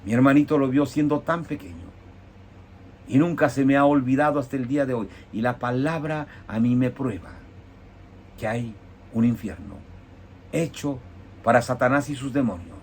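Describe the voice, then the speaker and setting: A man giving an emotional personal testimony as an evangelical preacher, swinging between hushed tones and emphatic bursts. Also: medium pitch, normal speed, slight background noise.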